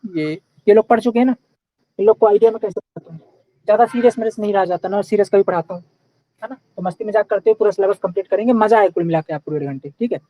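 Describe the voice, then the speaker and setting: A man's voice: high voice, rapid-fire, dark tone, dry recording, poor audio. A young man teaching a live online class in a casual, chatty way, often checking in with his students.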